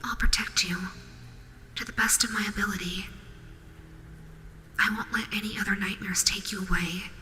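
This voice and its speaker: A woman voicing a tsundere nightmare animatronic rabbit, gruff but protective, in an intimate, hesitant roleplay audio drama style. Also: medium pitch, steady tone, faint music behind. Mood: hushed, protective. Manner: hesitant, halting, flustered tsundere softness.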